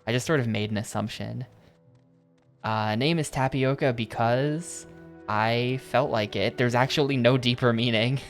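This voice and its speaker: Soft music plays behind a medium-pitched, steady American man's voice at normal speed. He streams a video game, giving casual gameplay commentary by rambling and reading in-game text aloud.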